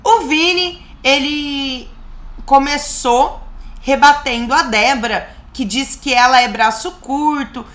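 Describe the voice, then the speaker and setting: A woman's voice: high-pitched, slow pace, fairly bright tone. A woman recapping a reality show in a casual, gossipy way, with sarcastic asides. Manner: gossipy and sarcastic, quoting people in a mocking tone.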